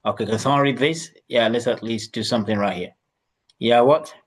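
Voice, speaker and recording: A man's voice: medium pitch, a little fast. Patient male Arabic teacher. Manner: patient, repeats phrases, coaches pronunciation. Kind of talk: online class instruction.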